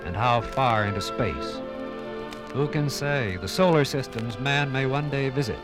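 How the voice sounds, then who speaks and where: Over music, an American man with a mid-range voice narrates a 1950s radio documentary, speaking theatrically and oratorically with dramatic pauses.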